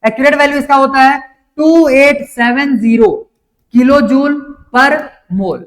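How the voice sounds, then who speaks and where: A man's voice: extremely high pitch, unhurried. A man teaching a lecture step by step, often checking that students follow. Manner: explains step by step, keeps asking if it is clear. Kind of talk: classroom lecture.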